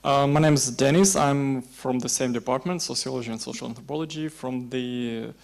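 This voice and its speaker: A man from Ukraine giving a halting student introduction at a university panel. His voice is medium-pitched with a gravelly, fried edge. He is recorded in a campus hall. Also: fairly even intonation. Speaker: graduate student.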